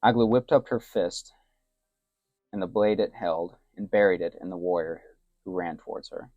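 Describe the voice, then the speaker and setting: A man with a very low, deep voice reads an adventure tale in a soft, hushed storytelling manner. His voice sits close and dry, with almost no room sound around it. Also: no echo, lo-fi sound. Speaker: narrator. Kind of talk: soft-spoken story narration.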